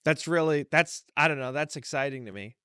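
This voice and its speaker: A man's voice: a little high, a little fast, bright, forceful tone, smooth, no echo, clean studio sound. A man born in Turkey, hosting a podcast and asking loose, rambling questions. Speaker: podcast host. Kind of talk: casual interview conversation.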